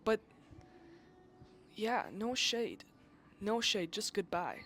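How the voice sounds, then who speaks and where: Give me a woman telling a story to her vlog in a loose, animated way, with faint background noise. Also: medium pitch, slow pace. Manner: animated, heavy use of "like", swears when exasperated. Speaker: vlogger. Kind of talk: casual storytelling rant.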